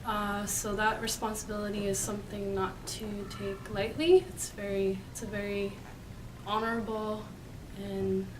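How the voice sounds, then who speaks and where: A woman's voice: medium pitch, level tone, measured pace. A woman from Canada's East Coast answering interview questions earnestly, with many fillers. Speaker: student and dancer interviewee. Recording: distant mic, clear background noise.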